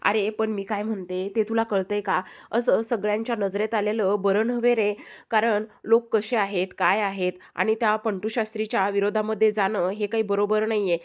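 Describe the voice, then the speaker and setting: A woman's voice: mid-range voice, flat delivery, normal speed, lightly acted. A woman voicing a cautious older aunt who reasons and worries about appearances in a retold serial.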